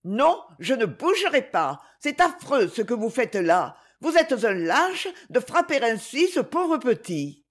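A woman's voice: a little high, very animated, measured pace, few pauses, pitched above the performer's own voice. A woman reading the part of a brave young girl who speaks with passion. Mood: indignant. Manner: impassioned and pleading. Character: brave young girl, pleading then defiant.

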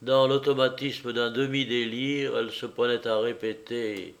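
A man reading a novel aloud as an audiobook narrator, in a measured, deliberate manner. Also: medium pitch, fairly even intonation, gravelly.

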